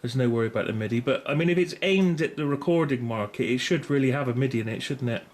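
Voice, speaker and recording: A video host, a middle-aged British man, reviews gear in a fast, mid-range voice. The talk is off the cuff and meandering, tentative in tone, with plenty of self-corrections. The room ambience and background noise come through clearly.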